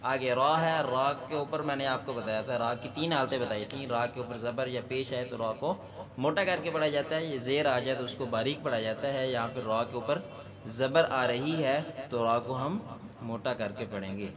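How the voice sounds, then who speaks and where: A man teaches recitation sound by sound, stretching and repeating each one so the listener can follow. His voice sits at a middle pitch and rings with long reverb. A clear crowd murmur carries on behind him. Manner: repeats each sound slowly and drawn out for the learner. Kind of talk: slow word-by-word recitation lesson.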